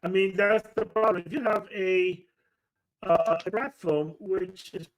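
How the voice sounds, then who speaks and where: Choppy voice-chat man, high-pitched. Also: steady tone, unhurried, poor audio. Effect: choppy online voice-chat audio that keeps cutting out. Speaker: participant in an online meetup call. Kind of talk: casual group voice chat.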